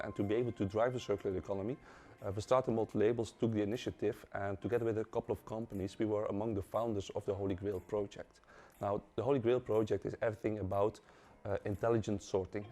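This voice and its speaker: A man's voice: fairly low pitch, mellow. A man, head of innovation at a company, explaining steadily to the camera.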